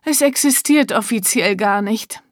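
A woman voicing a hot-tempered, rude rich man who shouts in outrage. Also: medium pitch, measured pace, no room sound, studio quality, close to an everyday voice. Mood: aghast. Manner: shouting, indignant.

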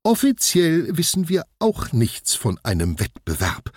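A man's voice: on the high side, huge pitch swings, unhurried, slightly rough, no room sound, clean studio sound, voice pushed up, exaggerated voice. A man voicing a strict, scolding female shopkeeper in a children's storybook. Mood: bossy. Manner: scolding, sharp. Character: strict bossy shopkeeper sister.

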